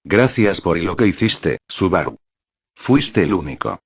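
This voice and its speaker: A man reading the part of a shy young woman who speaks softly and hesitantly. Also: sits low, expressive, unhurried, slightly rough, no room sound, exaggerated voice. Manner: soft, hesitant.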